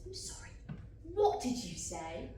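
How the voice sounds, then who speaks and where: Young actress as a defiant hurt wife, lively pitch, echoey stage, distant mic. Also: female voice, unhurried. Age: young adult. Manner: defiant, shouting, bitter. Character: wounded angry young wife, Kitty. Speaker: student actor. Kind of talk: live stage acting. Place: theatre stage. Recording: echoey stage from far off, faint noise.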